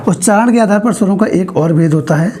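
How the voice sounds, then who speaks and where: A man teaching a grammar lesson, explaining slowly and asking his students frequent questions as he writes on a board. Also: high voice, dark tone. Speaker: Hindi teacher.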